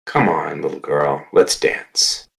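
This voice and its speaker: A man's voice: rumbling low, slow pace, gravelly, fairly bright tone, pitched below the performer's own voice, exaggerated voice, rough recording. A man voicing a taunting young female vampire sorceress in a tabletop game, mocking and menacing.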